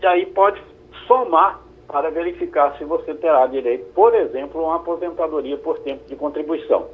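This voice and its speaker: A lawyer, answering callers' questions on a radio call-in show in a measured, explanatory way. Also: male voice, a little high, breathy edge. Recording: phone-like radio line.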